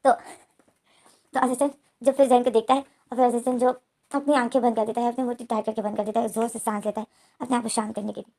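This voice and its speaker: A woman's voice: on the high side, flat delivery, quick pace, vocal fry, mellow. A woman retelling a fanfiction story in a plain, casual way, with many repeats and restarts. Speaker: fanfiction explainer. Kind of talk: storytelling narration.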